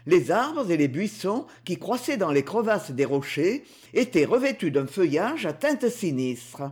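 A woman narrating a mythological storybook audiobook in an expressive storytelling manner. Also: lowish voice, measured pace, slightly rough.

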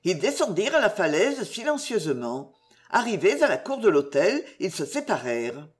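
Expressive woman reading a classic novel. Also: on the low side. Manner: expressive, measured. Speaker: narrator.

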